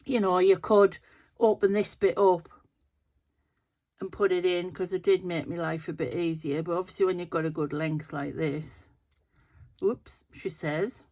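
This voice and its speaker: A middle-aged, sniffly, nasal woman hosts a resin craft video, talking casually through her work and thinking aloud as her hands stay busy. Her voice is on the low side, steady and darkish, at a measured pace.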